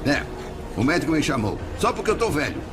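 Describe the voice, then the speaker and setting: An actor playing a grumpy, stubborn and distrustful old patient with a Brazilian accent in a dubbed medical documentary. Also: male voice, a little high, huge pitch swings, fast, background noise. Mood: grumpy, defensive. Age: older. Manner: grumpy, curt, dismissive. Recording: music behind the voice.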